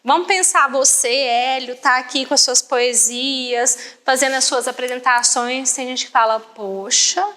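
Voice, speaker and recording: A woman voicing a deaf guest's talk live as an interpreter, quick and often restarting her phrases, with a reverberant hall around her. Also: high voice, fairly even intonation, sharp tone. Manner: quick, restarting phrases, mimicking others' tones.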